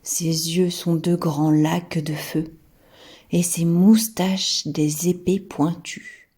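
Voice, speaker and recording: A woman's voice: lowish voice, level tone, very slow, mellow, husky, full character voice. A woman voicing a solemn, cautioning monster father, with dramatic storybook delivery for a toddler. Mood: awed recollection.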